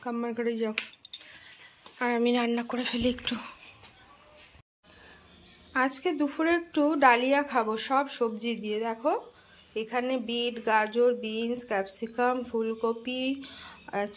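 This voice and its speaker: A woman's voice: a little high, a bit bright. A young woman, a mother, chatting through her day on a home vlog and explaining each step to viewers. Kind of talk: casual home vlog narration.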